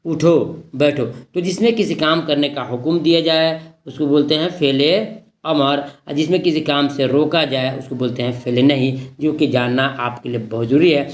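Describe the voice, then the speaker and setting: A man's voice: fairly high pitch, steady tone, normal speed, hardly any pauses. A man with a Bihari Hindi accent teaching an exam-prep grammar lesson, repeating points and quizzing his students with questions.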